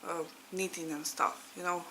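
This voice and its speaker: A woman's voice: fairly low pitch, steady tone, normal speed, pushed and bright, a little hiss or hum, rough recording. A woman in her thirties from Latvia, a native Russian speaker, chatting casually to camera as a needlework vlogger, laughing often and searching for words. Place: home in Ireland.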